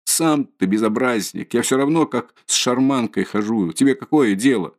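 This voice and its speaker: A man reading an audiobook, voicing a distraught, proud, impoverished widow who talks in a shrill, frantic, haughty way. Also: animated, moderate pace, natural voice.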